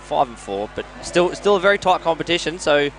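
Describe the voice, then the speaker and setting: An Australian man commentating on a live match, analysing play in a measured way like a coach. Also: a little high, sing-song, soft background music. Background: indoor sports venue with games nearby.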